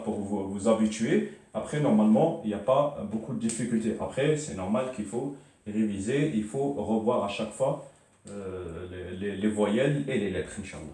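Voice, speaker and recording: A man's voice: fairly low pitch, a little mellow. A man teaching an Arabic reading lesson, drilling syllables one by one with many fillers and repeats. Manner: slow, repetitive drilling of syllables, frequent "donc" and "euh". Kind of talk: classroom lesson. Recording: very echoey room, mic at a distance.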